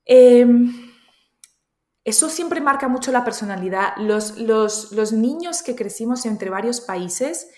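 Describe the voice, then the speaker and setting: A woman's voice: on the high side, animated, takes it slowly, warm tone, echoey room. A woman in her thirties from Colombia, with an accent that mixes Colombian and Spain Spanish, answering interview questions in a reflective way and often restarting her sentences. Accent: mixed Colombian and Spanish. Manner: reflective, thinks aloud with frequent restarts. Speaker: interview guest. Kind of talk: conversational interview.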